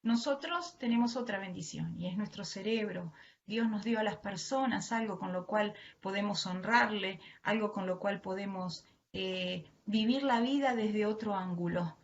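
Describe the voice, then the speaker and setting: A woman with an Argentine Spanish accent delivers a devotional sermon to an online audience of women, speaking to them earnestly and with affection. Her mid-range voice moves at a moderate pace. The online audio is dull and lo-fi with faint noise.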